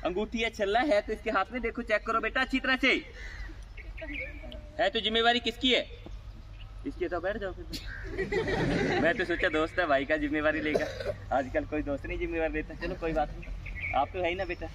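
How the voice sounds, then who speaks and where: A man's voice: sits high, brisk, long pauses. A man with a Haryanvi accent performing a live magic show for students, coaxing and teasing his volunteers. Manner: coaxing, teasing, calls everyone "beta". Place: outdoors at a school gathering. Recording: outdoor crowd noise around the voice.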